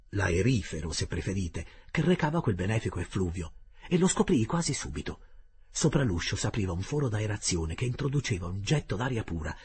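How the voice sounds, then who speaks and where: Male audiobook reader, very husky voice, lively pitch. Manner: expressive first-person storytelling. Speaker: audiobook narrator. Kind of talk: audiobook reading of a classic novel.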